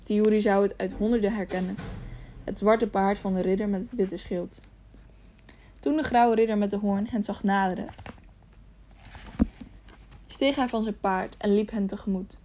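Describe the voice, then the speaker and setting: A woman's voice: mid-range voice, normal speed, a little hiss or hum. Woman narrating an audiobook. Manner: steady storytelling with occasional slips and restarts. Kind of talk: audiobook reading.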